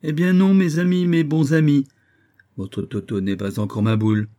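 A man doing a theatrical, excitable old-time sleuth. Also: medium pitch, normal speed, slightly rough, close to an everyday voice. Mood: jovial. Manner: theatrical, exclaiming like a street hawker. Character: excitable eccentric middle-aged male sleuth.

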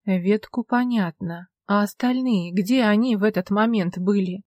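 A woman voicing a young, blunt but good-natured village policeman with folksy, steady talk. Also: medium pitch, a little slow, no room sound, lightly acted. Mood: calm questioning. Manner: plain-spoken folksy talk, calm and steady.

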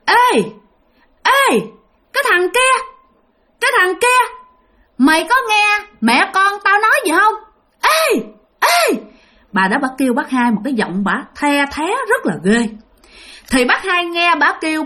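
A woman's voice: fairly high pitch, a bit bright. A woman narrating a ghost story in a conversational way, talking straight to her listeners. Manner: conversational, addresses listeners directly.

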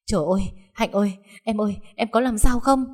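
A woman's voice: mid-range voice, lively intonation, brisk, natural voice. A woman doing a raging peasant sister. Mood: panicked. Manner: shouting, threatening. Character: furious hot-tempered peasant woman, older sister.

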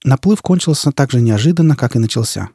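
A man reading an audiobook as narrator, in a steady, even way. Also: medium pitch, quick pace, breathy edge, dry recording, studio quality. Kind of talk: scripted narration.

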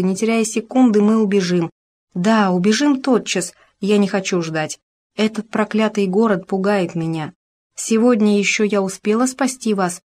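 A woman's voice: mid-range voice, darkish tone, lightly acted. A woman reading the lines of an anxious, loving young noble bride in an audiobook, with urgent, emotional pleading.

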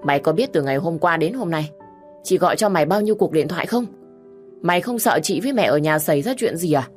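A woman voicing a bossy older sister who scolds loudly and harshly. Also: low-pitched, expressive, fast, faint music behind. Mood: scolding.

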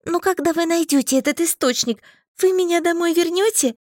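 A woman voicing a fiery, touchy young woman with shrill, explosive outbursts. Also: a little fast, no room sound, clean studio sound. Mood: indignant.

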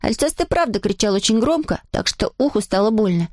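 A woman reading a children's story aloud as an audiobook narrator, lively and expressive. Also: mid-range voice, brisk, no room sound, clean studio sound.

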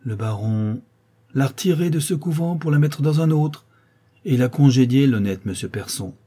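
A man's voice: mid-range voice, animated, normal speed, dark tone, breathy edge, voice pushed up. A man reading aloud, voicing a jovial young count who banters in a playful, mock-courtly way. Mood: teasing. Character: jovial young gallant male count, teasing.

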